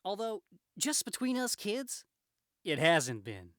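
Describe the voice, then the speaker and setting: A man's voice: high voice, huge pitch swings, takes it slowly, fairly bright tone, no room sound, clean studio sound, voice pushed up, full character voice. A man voicing a wisecracking comic-book superhero, cocky and aggrieved, in a theatrical, quippy manner. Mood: cocky, taunting. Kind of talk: comic book read aloud in character.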